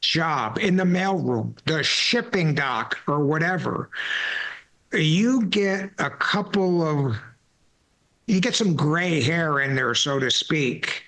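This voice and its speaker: This man in his 60s hosts a podcast, wandering through stories with repeated words and homespun asides in a relaxed interview. He speaks slowly in a slightly high, expressive, fairly bright voice, though the recording quality is low.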